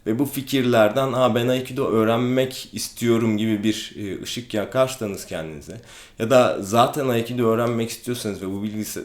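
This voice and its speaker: Man, calm explanatory vlog talk, hesitant fillers, lowish voice, roomy echo. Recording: echoey room.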